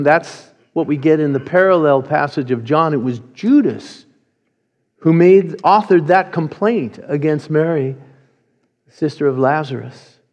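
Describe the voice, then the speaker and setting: Man, sermon, slow deliberate delivery, muffled lo-fi sound. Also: a little high, a little mellow, long reverb tail. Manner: slow, deliberate preaching with scripture reading. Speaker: pastor.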